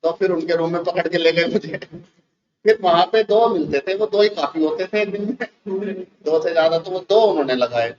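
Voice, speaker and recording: High-voiced Indian teacher telling a story. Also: male voice, normal speed, lo-fi sound, a crowd in the background. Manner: animated anecdotal telling. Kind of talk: classroom storytelling. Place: classroom.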